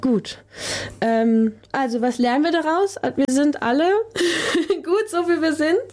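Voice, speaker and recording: A woman's voice: sits high, measured pace, darkish tone. A woman hosting a community radio show, chatting cheerfully and laughing often as she wraps up. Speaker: radio host.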